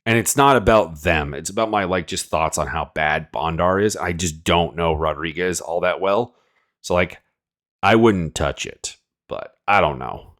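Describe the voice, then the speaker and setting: Low-pitched but fairly bright in tone, this MMA analyst host speaks at a measured pace. Sniffling from a cold, he wanders through opinionated, casual fight picks loaded with filler words.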